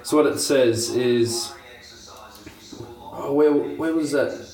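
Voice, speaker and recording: A man's voice: medium pitch, slow pace, a little mellow. A young man hosting a casual shaving review, chatty and laid-back, laughing at himself. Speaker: shaving video host. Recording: roomy home recording.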